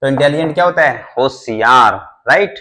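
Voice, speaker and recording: A man's voice: mid-range voice, lively intonation, brisk, bright, forceful tone. A man teaching English vocabulary in Hindi, repeating each word, spelling it letter by letter and quizzing his students. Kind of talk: Hindi-language classroom lesson.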